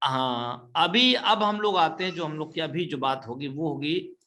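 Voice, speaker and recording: A man's voice: fairly high pitch, bright, forceful tone. Patient male Quran reading teacher. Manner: patient, repeats each rule and checks understanding; recites Arabic examples slowly and drawn out. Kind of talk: online Quran reading lesson.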